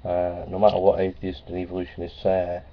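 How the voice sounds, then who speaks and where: A middle-aged vlogger with a low-pitched voice talks a little fast and completely flat into a nearby webcam. He is plainspoken and repetitive, dropping lots of ums and uhs and repeating phrases in this casual vlog. He's in a small office with framed certificates on the wall; the audio is dull, lo-fi, and faintly hissy.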